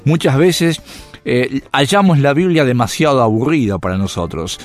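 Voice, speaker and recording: A man's voice: medium pitch, normal speed, faint music behind. A man giving a radio devotional sermon, asking rhetorical questions and letting his voice rise and drop. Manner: rhetorical questions, animated rises and drops. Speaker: radio preacher.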